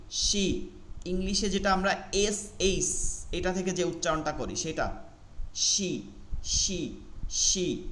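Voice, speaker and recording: Slow, patient man drilling syllables. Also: on the high side, a bit bright, echoey room, slight background noise. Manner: slow, drawn-out repetition of syllables for students. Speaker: Quran recitation teacher. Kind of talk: online class teaching pronunciation.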